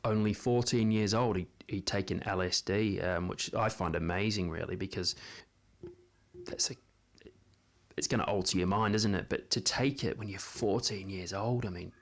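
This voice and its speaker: Kiwi guy in his 40s rambling on camera, lowish voice, lots of ums. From New Zealand. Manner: hesitant, many ums and restarts. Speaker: vlogger. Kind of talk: casual spoken monologue.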